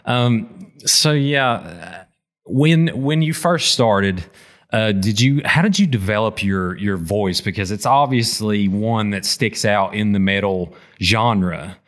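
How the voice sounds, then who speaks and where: A man's voice: fairly low pitch, takes it slowly, a bit bright. A man asking questions as an interviewer in a casual, colloquial chat. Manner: informal, colloquial grammar.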